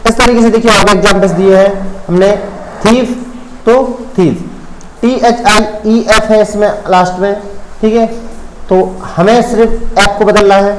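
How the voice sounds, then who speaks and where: A man teaching an English grammar lesson, spelling words out letter by letter and often checking whether the point is clear. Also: high voice, roomy sound, a little hiss or hum, low-quality recording.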